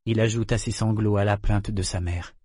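A man reading a novel aloud as an audiobook narrator, in a measured, even storytelling manner. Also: fairly low pitch, slightly rough, no echo, clean studio sound. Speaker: audiobook reader. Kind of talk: scripted narration.

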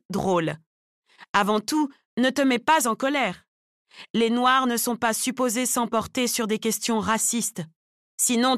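Woman, audiobook narration, steady, lightly ironic, higher voice, dry sound. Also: no echo. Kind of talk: scripted narration of a novel.

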